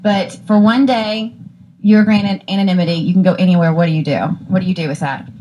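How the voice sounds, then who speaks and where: A woman's voice: mid-range voice, steady tone, brisk, muffled recording, background noise. A woman co-hosting a radio interview, asking questions and laughing easily at herself. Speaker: radio show co-host.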